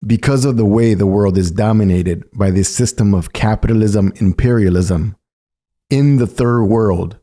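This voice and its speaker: A warm, lowish male voice delivers a written political polemic as narration at a normal speed, reading the essay aloud.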